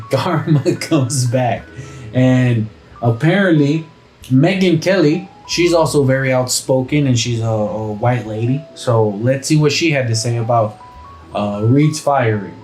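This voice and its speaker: A man's voice: medium pitch, a little mellow. A man hosting a podcast, ranting in a profane, combative, swaggering way. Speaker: podcast host. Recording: echoey room.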